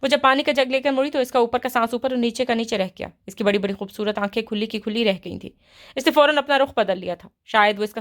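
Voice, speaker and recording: A woman reading a romance novel aloud with a steady storytelling delivery. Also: fairly high pitch. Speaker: novel reader.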